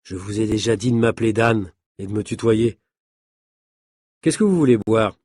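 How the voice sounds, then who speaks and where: A man's voice: lowish voice, moderate pace, darkish tone, husky, no echo, clean studio sound. A man voicing a breezy, self-assured adult male daredevil stuntman.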